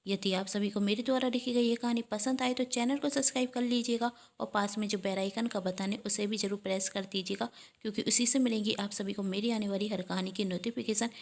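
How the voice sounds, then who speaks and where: Woman reading her family story, steady clear voice, polite asks to subscribe. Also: medium pitch, a little fast, few pauses. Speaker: storyteller, channel owner.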